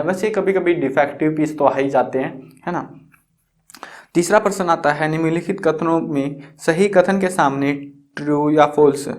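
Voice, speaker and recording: Young guy teaching science, kinda high voice, joking around and quizzing himself. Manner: chatty, teasing, asks and answers his own questions. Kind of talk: casual classroom explanation.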